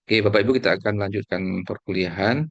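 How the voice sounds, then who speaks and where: A man's voice: on the low side, fairly even intonation, fast talker, no room sound. A male lecturer talking formally to his class over a video call while his audio keeps breaking up. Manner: formal, addresses class politely. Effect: call audio breaking up on an unstable connection. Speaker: university lecturer. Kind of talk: online lecture. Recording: muffled dry online call audio.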